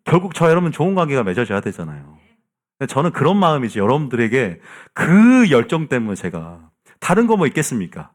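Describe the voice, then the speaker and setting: A male pastor preaching a sermon from the pulpit, shifting from soft asides to loud, emphatic calls to the congregation. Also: medium pitch, very animated, fast talker. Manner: asks the congregation "믿습니까?" again and again. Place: church sanctuary, from the pulpit.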